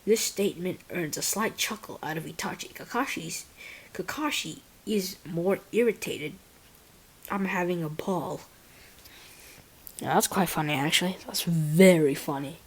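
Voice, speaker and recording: A woman reading her first-person fan fiction aloud in a halting way, breaking off for casual asides to her viewers. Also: lowish voice, husky. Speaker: story reader and channel owner.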